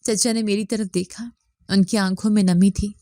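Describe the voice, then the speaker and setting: Mellow-voiced woman storyteller. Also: mid-range voice, no room sound, clean studio sound. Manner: steady, dramatic storytelling. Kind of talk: scripted narration.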